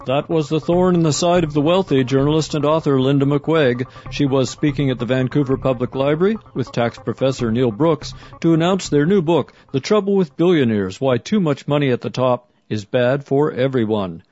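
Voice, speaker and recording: Measured male radio host over faint music. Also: medium pitch, a little mellow. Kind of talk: radio hosting narration. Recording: slightly muffled radio audio.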